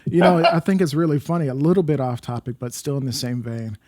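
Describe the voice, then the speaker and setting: A man's voice: mid-range voice, quick pace, mellow, no room sound, studio quality. A man hosting a podcast in casual conversation, thoughtful, often restarting his sentences. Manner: conversational, thoughtful, self-interrupting. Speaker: podcast host.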